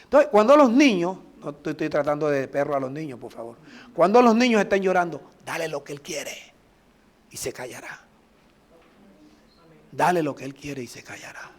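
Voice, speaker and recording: A middle-aged man from Colombia, a pastor preaching a sermon with emphatic, drawn-out phrases and prayers. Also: a little high, very animated.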